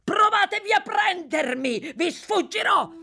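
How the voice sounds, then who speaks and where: A woman reading an audiobook voices a desperate, brutal male murderer on the run, growling low and breaking into furious shouts. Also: expressive, a little fast, breathy edge, heavily acted. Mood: desperate shouting.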